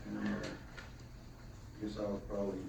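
A man giving a halting personal testimony at church, heard through a low quality stream of the recording. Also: sing-song, vocal fry, very echoey, distant mic, background noise. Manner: halting, many fillers and restarts. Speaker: podcast host giving testimony.

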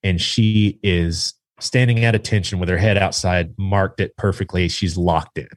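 A man casually telling a long story about training his hunting dog, rambling and animated, acting out what people said. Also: low-pitched, moderate pace, no room sound. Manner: rambling, animated retelling with acted-out quotes. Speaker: guest, duck hunter and dog trainer. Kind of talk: casual storytelling in a podcast chat.

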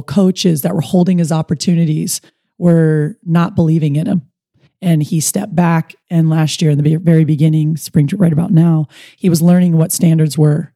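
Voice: mid-range voice, dry recording, studio quality. A mental performance coach for baseball players, telling stories earnestly in a casual podcast conversation. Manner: earnest, storytelling, animated retelling with quoted dialogue.

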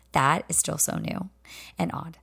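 A woman's voice: sits low, takes it slowly, creaky, breathy edge. A woman in her thirties with a Southern American accent, hosting her podcast in a chatty, rambling way. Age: 30s. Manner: chatty, rambling, self-deprecating. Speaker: podcast host. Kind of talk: casual solo podcast chat.

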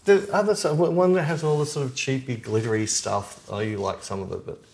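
A man's voice: mid-range voice, brisk, gravelly, a little mellow. A man co-hosting a podcast, chatting casually and telling rambling, opinionated stories. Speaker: podcast co-host. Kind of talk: casual chat.

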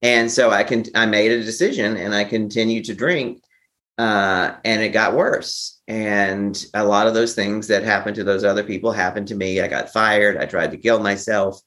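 A man with a lowish, fairly bright voice speaks at a moderate pace with fairly even intonation. He is a memoir author appearing as an interview guest, recounting a personal story candidly and with a theatrical flair, acting out the remarks he quotes.

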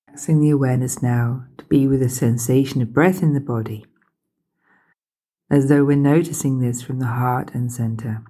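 A woman leads a calm grounding exercise as a meditation guide, speaking gently and unhurriedly with pauses in a husky, breathy voice. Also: a bass voice.

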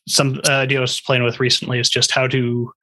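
A man's voice: medium pitch, brisk. A man hosting a podcast, chatting casually and sharing his own experiences. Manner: relaxed, conversational, shares personal anecdotes. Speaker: podcast host. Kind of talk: casual interview chat and podcast outro.

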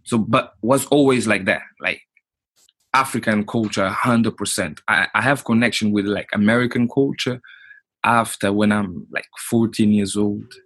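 A man, a guest in a casual interview, halting and restarting often as he talks. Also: lowish voice, steady tone, a bit bright, breathy edge, dry recording. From Portugal. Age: 30s. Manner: halting, restarts often, many "you know, like".

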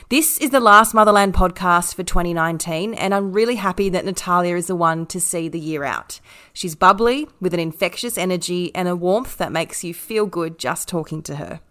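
A woman hosts a podcast interview with a bright, crisp voice. She asks friendly questions with real enthusiasm. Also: lowish voice. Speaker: podcast host.

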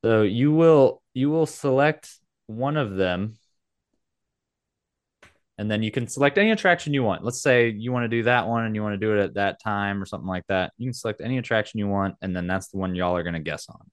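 Male game host, casual and theatrical, very lively intonation, dry sound. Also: lowish voice, clear, resonant tone, no echo. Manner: playful, theatrical announcing with dramatic pauses. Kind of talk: casual podcast-style game hosting.

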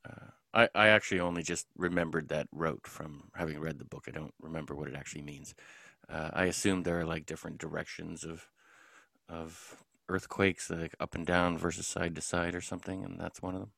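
A physicist co-host chats easily and jokes while answering science questions. His voice is very low and gravelly with lots of fry. The sound is close and dry. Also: steady tone, brisk, sharp tone, dry recording. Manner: easygoing, jokey, confident with science answers. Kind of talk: casual chat among friends.

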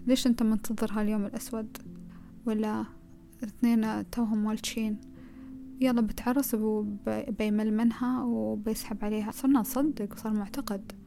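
A Gulf Arabic woman gives a motivational self-help talk in a casual, advising tone. Her voice sits fairly high and sounds mellow, with plenty of vocal fry. Faint music plays quietly behind her. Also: level tone, brisk. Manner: conversational, advising, piles up rhetorical questions.

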